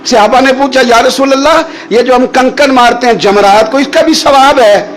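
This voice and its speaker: A man preaching a sermon, telling a story with passion and chanting verses slowly. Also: very high voice, a bit bright, a little hiss or hum, low-quality recording.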